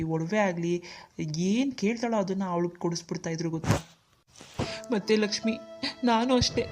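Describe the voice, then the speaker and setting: A woman's voice: on the low side, a little mellow, natural voice. A woman voicing a worried young husband and protective older brother in a cartoon, speaking earnestly. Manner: earnest, troubled. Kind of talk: cartoon dialogue acting.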